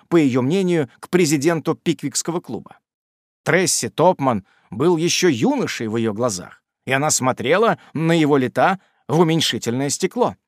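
A man narrating a classic novel as an audiobook in an expressive storytelling manner. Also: mid-range voice, dry recording, clean studio sound.

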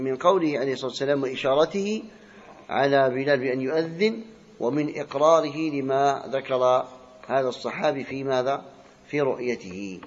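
A man teaching a lesson on a religious text, asking the class questions and answering them himself, and sounding out right and wrong pronunciations. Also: on the high side. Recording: slightly dull lo-fi recording.

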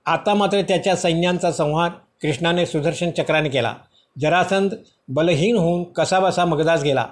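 A man reading a prose rendering of a sacred story in steady, measured narration. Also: on the high side. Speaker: reader of scripture.

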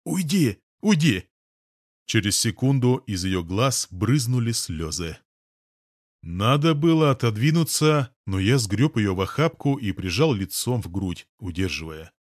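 Male narrator, low voice, steady first-person audiobook read, dry studio sound. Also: a little slow, dry recording.

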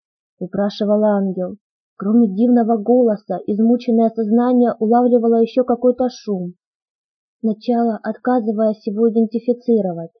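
A woman reads an audiobook, telling the story dramatically in the first person. Her voice is slightly husky and breathy, recorded dry and close with a dull, lo-fi sound. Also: on the high side, no echo. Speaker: audiobook narrator. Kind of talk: audiobook narration.

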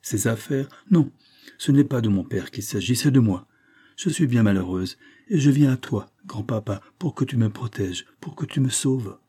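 A man's voice: medium pitch, animated, normal speed, warm tone, husky. A man reading aloud and voicing a distressed young woman who begs her grandfather for protection, his voice raised and pleading. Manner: pleading, anxious.

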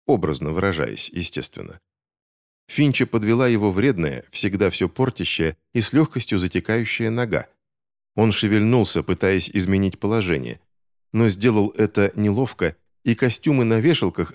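A man reading a novel aloud as an audiobook narrator, with expressive storytelling. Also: lowish voice. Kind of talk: scripted narration.

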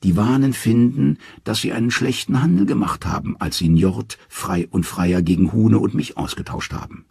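A man voicing the revived severed head of a wise old man, speaking gravely. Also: fairly low pitch, moderate pace, few pauses, dark tone, no echo, voice pushed up, heavily acted.

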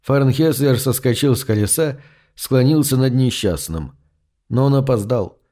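A man reads an audiobook story at a steady, measured pace. His voice sits mid pitch for a man. The telling is calm and even. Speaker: narrator. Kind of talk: audiobook narration.

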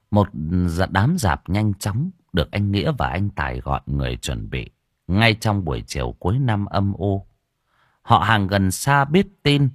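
Low expressive male storyteller. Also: breathy edge, no room sound, clean studio sound. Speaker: audiobook narrator. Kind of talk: scripted story narration.

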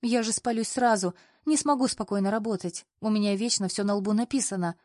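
A woman's voice: mid-range voice, fairly quick, darkish tone, no echo, clean studio sound, close to an everyday voice. A woman reading the lines of a young heroine who is embarrassed and complains in a whining, exclamatory way. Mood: flustered whining. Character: flustered young woman, whiny and easily embarrassed.

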